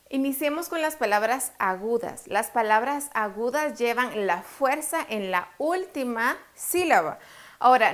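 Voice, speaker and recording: Woman teaching in a slightly high voice. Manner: explains step by step, asks and answers her own questions; slows down to stress syllables. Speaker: Spanish teacher. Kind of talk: online lesson.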